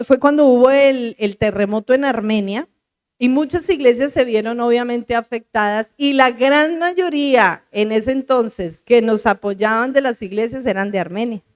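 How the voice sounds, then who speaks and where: A woman pastor preaches, her voice sitting a little high. She tells her own testimony in earnest, slowing down and drawing out the words she wants to land. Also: smooth. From Bogotá, Colombia. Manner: earnest storytelling with slow, stretched emphasis on key words. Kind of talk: sermon with personal testimony.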